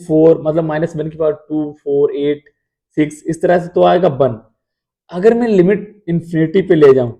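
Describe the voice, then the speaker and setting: A man's voice: fairly high pitch, dark tone. A man teaching math in an explanatory lecture, asking rhetorical questions and answering them himself.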